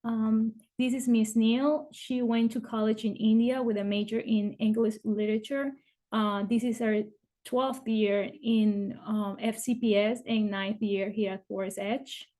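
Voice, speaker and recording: A kindergarten teacher from Ecuador presents a school info video, introducing herself and rattling off the daily schedule and math topics quickly with frequent uh fillers. Her voice is a little high, dark in tone, and level.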